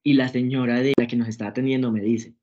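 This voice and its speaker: A man's voice: mid-range voice, quick pace. Chatty Colombian young man on a dull recording. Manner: chatty, filler-heavy, expressive. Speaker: guest. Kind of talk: casual storytelling interview.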